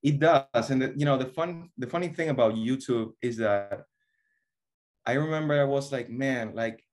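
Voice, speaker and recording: Here an online fitness coach from Venezuela, a young man, joins a relaxed video-call interview from a small room at home. His voice sits in the mid range and moves at an ordinary pace, earnest yet full of fillers and false starts, and the sound comes through a laptop or webcam microphone.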